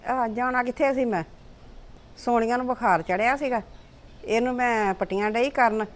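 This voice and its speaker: A middle-aged woman playing a mother who calmly advises her daughter in a short film. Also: a little high, normal speed. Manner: soothing, advising. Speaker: mother character.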